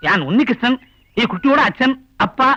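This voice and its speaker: A humble Malayali father in a film comedy-drama, with a very high, bright voice. His Tamil is halting and carries a Malayalam accent. The sound is dry and somewhat muffled, like old film audio. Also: expressive, exaggerated voice. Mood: humble, polite. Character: deferential Malayali man posing as a girl's father.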